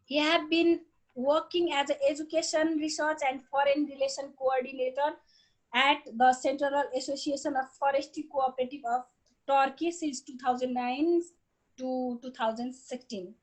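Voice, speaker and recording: A woman from Nepal hosts a panel over a video call, reading out speaker introductions in a halting way with frequent fillers. Her voice sits high. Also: fairly even intonation. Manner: reads bios haltingly, with fillers. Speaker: moderator.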